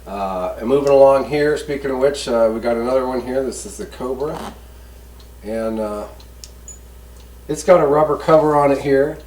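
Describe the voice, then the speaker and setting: A man at medium pitch and moderate pace, sounding a little mellow, gives an easygoing, folksy, rambling hands-on product review as host. The mic is distant, the room echoes, and background noise is present.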